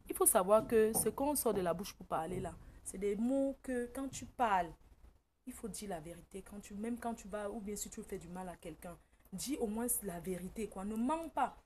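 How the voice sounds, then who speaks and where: A woman's voice: medium pitch, lively intonation, normal speed, a little mellow, a little hiss or hum. A woman from Cameroon, telling a personal story in a casual monologue to camera and quoting her relatives emphatically. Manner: emphatic, tells the story by quoting family members, often breaks into laughter. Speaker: vlogger.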